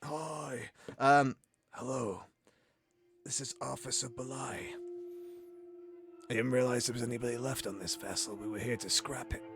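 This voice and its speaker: A man playing a gruff space pirate. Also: medium pitch, fairly even intonation, moderate pace, fairly bright tone, natural voice. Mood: gruff, wary. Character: gruff adult male space pirate captain.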